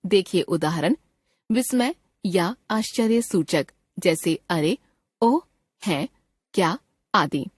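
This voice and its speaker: Woman reading a grammar lesson, slow careful delivery, dry voice-over, no room sound. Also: fairly low pitch, expressive, husky, dry recording. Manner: reads definitions and example sentences in a measured, deliberate way. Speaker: grammar teacher. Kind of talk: scripted textbook lesson narration.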